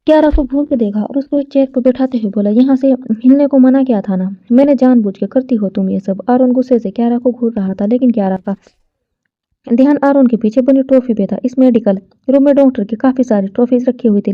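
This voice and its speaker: Soft-spoken woman narrating a romance story. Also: on the high side, no echo. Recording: dull lo-fi dry recording.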